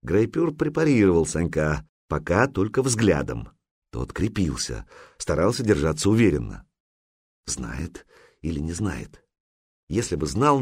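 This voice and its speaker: A man narrating an adventure audiobook in an expressive, storytelling manner. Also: deep voice, husky, dry recording, clean studio sound.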